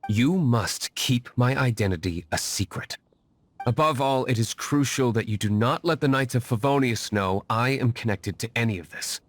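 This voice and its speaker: An actor playing a brooding, wealthy vigilante in a video game dub, curt and formal with a dry, disdainful edge. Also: male voice, mid-range voice, normal speed, close to an everyday voice. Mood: commanding. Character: brooding wealthy male vigilante, aloof and stern.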